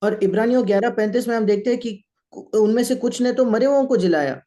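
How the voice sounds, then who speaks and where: A man's voice: very high-pitched, fast talker, dark tone. A man interpreting a sermon line by line, speaking steadily with small restarts.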